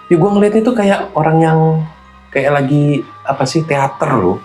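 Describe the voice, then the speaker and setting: A man's voice: fairly high pitch, normal speed, soft background music. A man, animatedly telling a true horror story in casual slang. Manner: animated, slangy, acts out voices. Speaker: guest storyteller.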